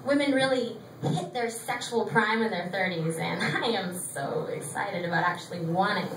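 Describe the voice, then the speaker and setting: A thirty-year-old woman performs a confessional, self-mocking stand-up set, swearing freely, in a mid-range voice at a moderate pace. She's on a small theatre stage with the audience laughing, captured from a distance in an echoey, noisy room.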